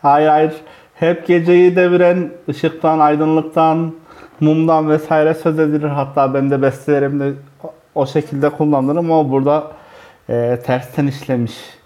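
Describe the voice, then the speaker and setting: A man conducting a casual literary interview in a halting way, pausing mid-phrase. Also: on the high side, flat delivery, mellow.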